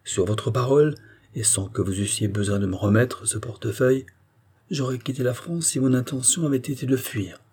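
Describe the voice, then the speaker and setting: A man voicing a calm, dignified royalist marquis who speaks with serene, solemn firmness in an audiobook reading. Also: medium pitch, moderate pace, slightly rough. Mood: solemn resolve. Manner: serene, solemn, firm declamation.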